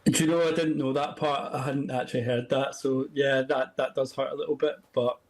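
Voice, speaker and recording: A man's voice: mid-range voice, little pitch movement, brisk, darkish tone, poor audio. A Scottish man in his forties, a podcaster joining a sports show by video call, talking in an earnest, somewhat hesitant way. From Scotland. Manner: earnest, a bit hesitant with many ums. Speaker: podcaster guest. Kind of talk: casual chat.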